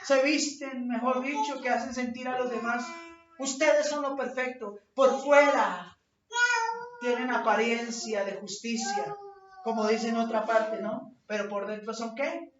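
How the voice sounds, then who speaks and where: A woman preacher delivering an impassioned sermon, rising to shouts when she quotes scripture. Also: fairly high pitch, a little slow. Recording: echoey distant lo-fi church recording.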